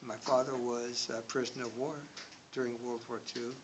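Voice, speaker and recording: A man in his sixties from Indonesia, speaking slowly in an oral history interview, with frequent pauses and filler words. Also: mid-range voice, flat delivery. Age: 60s. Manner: slow, hesitant, many filler words. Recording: audible background noise.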